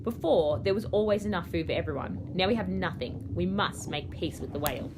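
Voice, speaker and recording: Woman as earnest, lively-pitched Rainbow Fish. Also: brisk, noisy background, natural voice. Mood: firm, earnest. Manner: earnest, reasoning. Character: sensible, peace-seeking male rainbow fish, earnest.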